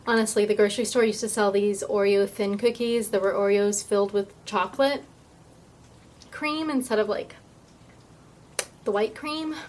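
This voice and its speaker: A woman's voice: medium pitch, normal speed, long pauses, a little mellow. Chatty woman vlogging over some noise. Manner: chatty, informal, thinking aloud. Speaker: vlogger and real estate agent. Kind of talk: casual vlog chat.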